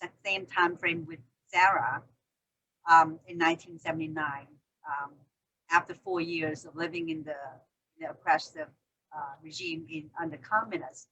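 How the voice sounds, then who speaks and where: A middle-aged woman hosts a conversation, animated and full of fillers. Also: sits low, normal speed, husky, low-quality recording. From Vietnam. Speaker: host. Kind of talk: hosting a conversation.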